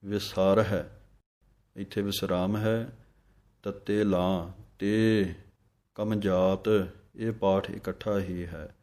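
Slow, deep-voiced man teaching recitation. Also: steady tone, darkish tone. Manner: recites slowly, then explains quickly. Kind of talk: pronunciation lesson with slow recitation.

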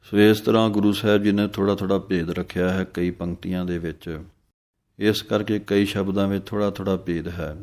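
A man teaching how to pronounce scripture. He recites lines slowly and deliberately, then explains where each pause falls. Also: sits low, steady tone, darkish tone. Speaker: Gurbani pronunciation teacher. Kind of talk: slow, careful recitation lesson.

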